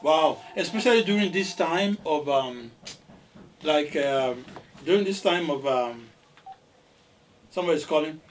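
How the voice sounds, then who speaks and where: A man's voice: fairly high pitch, measured pace, pauses often, distant mic, a little hiss or hum. A man with an African accent hosting a casual radio talk show, who exclaims often and reads out the call-in number. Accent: African English. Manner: animated, exclaims in surprise, taking calls.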